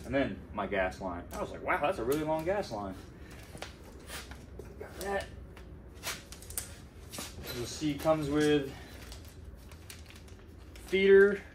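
A man's voice: a little high, big pitch swings, takes it slowly, long pauses, slight background noise. Chatty young guy in a garage. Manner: chatty, loose, talks while working with his hands. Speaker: welding hobbyist vlogger. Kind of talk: casual unboxing and how-to talk. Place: garage workshop with concrete floor. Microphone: phone camera held or propped nearby.

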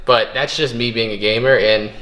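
A young man casually narrating a vlog as he digs through a storage unit, joking and thinking out loud. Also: medium pitch, steady tone, normal speed, a loud crowd. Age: young adult. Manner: chatty, joking, thinking aloud while rummaging. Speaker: storage unit treasure hunter. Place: indoor metal storage unit.

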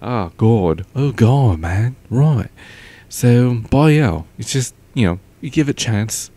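A young man vlogs from home in a slow, mellow mid-range voice with lively intonation. Close to a pop-filtered mic, he wanders from thought to thought, using lots of fillers and trailing off.

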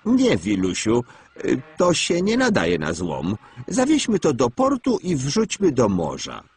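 A man's voice: medium pitch, huge pitch swings, unhurried, a little mellow, breathy edge, pitched above the performer's own voice, full character voice. A man voicing two cheeky young twin tank engines in a cartoon story, teasing and mocking.

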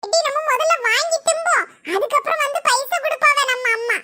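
A woman voicing a cheeky, greedy little village girl in a cartoon, with a squeaky child voice, a Kanyakumari Tamil accent and a whiny, teasing way of talking. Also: brisk, very noisy. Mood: excited.

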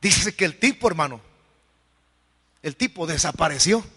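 Male pastor, folksy and emphatic, high voice, long church-hall reverb. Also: lively intonation, normal speed, slightly rough. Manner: emphatic, folksy preaching with sudden loud outbursts. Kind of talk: sermon.

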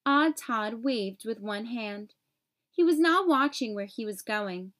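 Slowly and expressively, a woman reads a children's picture book aloud in a voice on the high side. She phrases things clearly so young children can follow.

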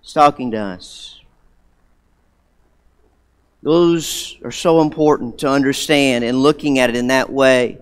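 A man preaching a sermon in a church, emphatic, repeating key words and moving between loud and hushed delivery. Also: mid-range voice, unhurried, pauses often, smooth. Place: church sanctuary. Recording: long hall reverb.

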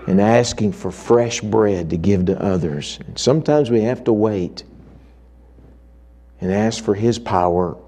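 A man's voice: low voice, a little mellow, breathy edge. A man preaching at a revival meeting in a church, telling a story dramatically and acting out the quotes. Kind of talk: sermon storytelling.

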